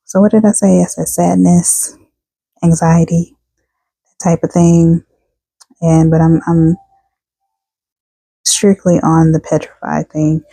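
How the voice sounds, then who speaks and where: A woman talks her viewers through a tarot reading in a relaxed, chatty way, reading out card texts as she goes. Her voice sits low and stays fairly flat, with a mellow tone. She sounds tired, and the recording is dry and close. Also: slow pace, vocal fry, pauses often, slightly rough, dry recording, low-quality recording. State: tired, yawning. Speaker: tarot reader. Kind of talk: casual tarot reading to camera.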